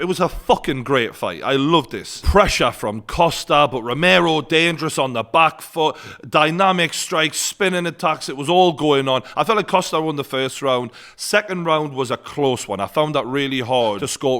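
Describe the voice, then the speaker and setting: A man's voice: mid-range voice, a bit bright. A man with a Newcastle Geordie accent gives a casual, blunt and opinionated fight recap to viewers, swearing freely. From northeast England. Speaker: sports commentator and online host.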